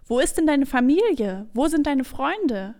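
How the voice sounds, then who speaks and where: A woman's voice: sits high, big pitch swings, a little slow, mellow, voice pushed up. A woman voicing a wary, suspicious flock of sheep on a rock, speaking sternly and indignantly, reading aloud from a storybook. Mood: startled.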